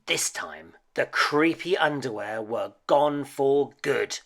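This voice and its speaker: Slow, animated man reading a storybook. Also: mid-range voice, vocal fry. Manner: dramatic, expressive, with hushed suspenseful dips. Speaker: children's story reader. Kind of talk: animated picture book read-aloud.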